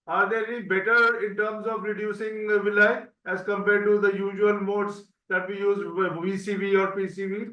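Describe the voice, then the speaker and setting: A man moderating an online medical Q&A over a bad video-call connection, halting with many fillers. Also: high voice, flat delivery, sharp tone. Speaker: webinar moderator. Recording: roomy, distant, dull online call audio.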